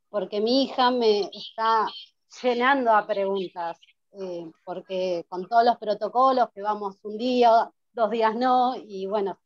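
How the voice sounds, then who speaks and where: A woman's voice: medium pitch, no echo. An Argentine woman asks a question from the audience of an online panel. She sounds hesitant and searches for her words. The call audio is dull and dry, with no room sound. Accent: Argentine Spanish. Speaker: audience member asking a question.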